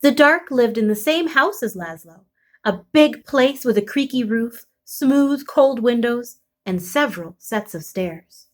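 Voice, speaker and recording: A woman's voice: on the high side, lively intonation, measured pace. Woman reading a spooky picture book aloud. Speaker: storybook reader. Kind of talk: expressive children's picture book read-aloud.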